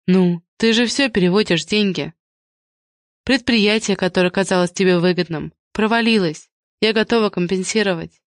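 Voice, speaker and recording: A woman's voice: medium pitch, moderate pace, dry recording, studio quality, close to an everyday voice. A woman reading an audiobook voices a frightened, disgusted pregnant woman who speaks sharply and coldly. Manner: sharp, cutting.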